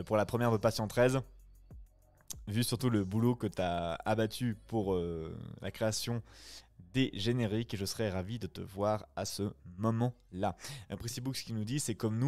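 A man's voice: on the low side, darkish tone. A man, chatting casually with his live viewers after a reading in a friendly, reflective way. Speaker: streamer and voice-acting reader.

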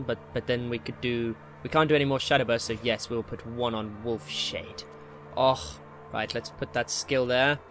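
The voice here belongs to a man with a mid-range, somewhat bright sound who hosts a gaming video. He keeps up laid-back Let's Play commentary, tossing out slangy jokes to himself while game music plays.

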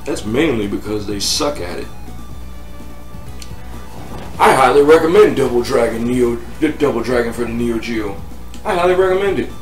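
Sitting on a living-room couch, a game review host in his thirties from America gives casual, opinionated takes straight to camera. He speaks fairly quickly in an expressive mid-range voice, bluntly repeating points for emphasis. The sound is roomy and distant-miked, with background music.

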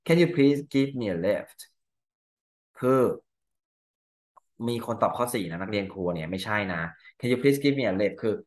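A male teacher with a Thai accent walks through exam answers, reading English lines slowly and explaining each one in Thai. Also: medium pitch, animated, darkish tone.

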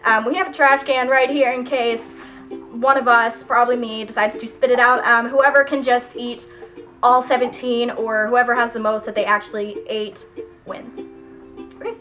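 A woman's voice: a little high, fairly even intonation, moderate pace, bright, forceful tone, soft background music. A young adult woman chatting casually as a vlog host, giggly and grossed out as she eats gross jelly beans. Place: small room at home, indoors. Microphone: camera a short distance in front.

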